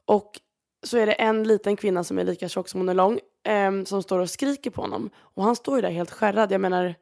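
A woman's voice: medium pitch, vocal fry, a little mellow. A woman hosting a podcast, telling stories in a chatty, rambling way with lots of fillers. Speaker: podcast host. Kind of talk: casual storytelling monologue.

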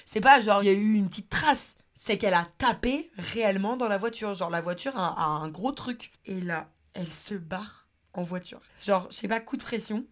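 A woman's voice: medium pitch, moderate pace. Fields: Sex: woman. Style: chatty anecdote podcast. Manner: slangy, chatty, lots of fillers. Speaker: podcast host. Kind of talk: casual anecdote storytelling.

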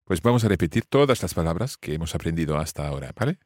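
Low-voiced guy teaching english vocab, patient, repeats stuff, dry close sound. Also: lively intonation, fast talker, no room sound. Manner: patient, repeats words for the learner. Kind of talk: language lesson dialogue.

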